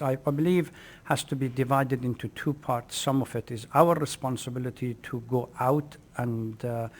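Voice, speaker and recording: A man from Iraq, an imam, answering radio interview questions in a measured, hesitant way with many pauses and fillers, at a table mic. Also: medium pitch. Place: mosque event room, live broadcast table. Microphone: table mic with headphones.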